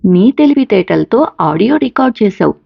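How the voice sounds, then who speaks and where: A woman's voice: mid-range voice, big pitch swings, moderate pace, gravelly, slightly rough, no echo, highs cut off, full character voice. A woman voicing a caring mother who patiently encourages her college-age son. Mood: encouraging. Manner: patient, coaxing, reassuring.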